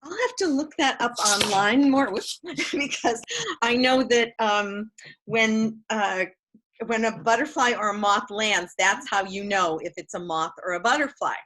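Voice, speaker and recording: Bright-voiced woman teaching small children. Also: a little high, unhurried. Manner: cheerful sing-song, leads songs and echo calls. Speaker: preschool teacher. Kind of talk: singing and teaching young children.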